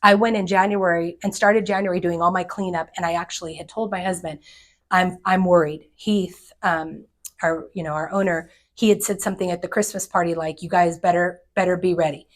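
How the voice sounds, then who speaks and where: A middle-aged woman with a fairly low voice speaks with direct energy, giving practical advice to other agents. Her delivery is confident and brisk. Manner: energetic, direct, acts out quoted people. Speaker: commercial real estate agent. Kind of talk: advice talk to fellow agents.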